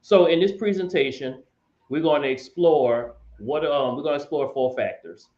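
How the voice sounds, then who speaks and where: A man as a financial guest explaining in a casual chat, measured and hesitant with many ums. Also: fairly high pitch, a little mellow. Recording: roomy, dull remote audio.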